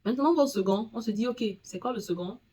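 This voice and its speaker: A woman hosting a casual screen-recording tutorial, talking straight to the viewer and reading English screen text haltingly. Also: a little high, mellow, slightly rough. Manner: chatty, talks straight to the viewer. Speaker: tutorial host.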